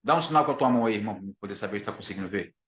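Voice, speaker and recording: A man's voice: lowish voice, lively intonation, rapid-fire, fairly bright tone. A man with a Brazilian Portuguese accent, teaching a Bible lesson as a pastor, emphatic, repeating his key phrases and calling listeners brother. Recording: echoey room.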